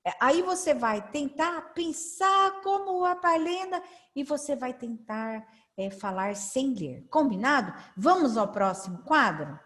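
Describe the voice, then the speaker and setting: A woman tutor with a Brazilian Portuguese accent, drilling syllables slowly in a sing-song, cheerful, coaxing way for a children's lesson. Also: high voice, lively intonation, fairly bright tone. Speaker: literacy tutor. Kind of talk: children's phonics lesson over slides.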